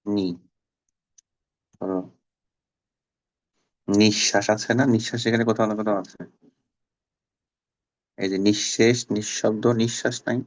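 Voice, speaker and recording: A man teaching a Bangla class online. He is patient and repeats words slowly to drill pronunciation. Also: fairly low pitch, flat delivery.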